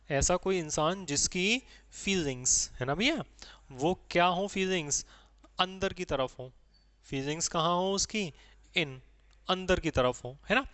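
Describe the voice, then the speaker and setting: A man teaching an exam-prep English lesson, asking his students questions over and over and reading the English phrases out slowly. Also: high voice, a bit bright, clean tone, no room sound.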